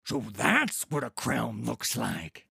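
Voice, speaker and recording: Storybook troll, small, cunning and boastful, put on by a male narrator, lively dry delivery. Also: mid-range voice, takes it slowly, gravelly, husky, dry recording, heavily acted. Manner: cocky, bragging.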